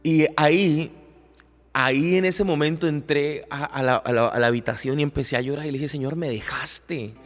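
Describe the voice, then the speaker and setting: A man with a fairly high voice shares a heartfelt personal testimony, sometimes stumbling over and repeating his words as the feeling builds. His voice carries a long reverb tail, with soft music playing faintly beneath. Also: fairly even intonation, a little fast. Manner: earnest, emotional, repeats and restarts words. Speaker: podcast co-host, worship leader. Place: recording studio.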